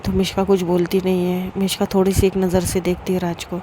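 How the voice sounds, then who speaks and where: Flat-voiced woman telling a story. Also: on the low side, a little fast, background noise. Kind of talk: storybook narration.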